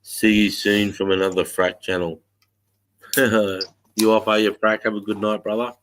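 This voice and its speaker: An Australian man hosts a casual hangout. His voice sits a bit low and he talks informally, as to friends. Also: little pitch movement, moderate pace, a bit bright. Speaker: host of an informal online hangout. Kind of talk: casual chat.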